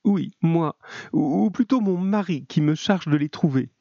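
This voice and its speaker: A man's voice: a little high, measured pace, gravelly, warm tone, no room sound, pitched above the performer's own voice. A man voicing an anxious, hypnotized young woman who stammers and pleads. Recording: dull lo-fi, dry.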